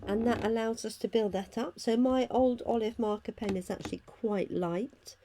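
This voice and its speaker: A hoarse, croaky-voiced woman chattily talking through each step of a casual live craft tutorial as she works. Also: fairly high pitch, moderate pace, noisy background. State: hoarse from illness. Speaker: craft demonstrator hosting a live stream. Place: at a craft table indoors.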